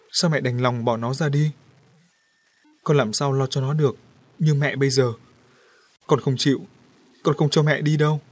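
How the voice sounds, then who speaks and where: A husky-voiced man voicing a grief-stricken young woman who pleads through tears in a horror audiobook. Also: mid-range voice, no room sound, lightly acted. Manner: pleading, sobbing cries.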